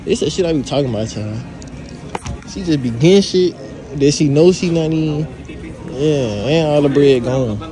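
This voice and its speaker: A young man in his twenties vlogging while shopping in a supermarket, teasing and swearing, with sudden loud bursts. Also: a little high, animated, moderate pace, music in the background. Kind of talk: casual vlog banter. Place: large supermarket, indoors. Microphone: handheld camera.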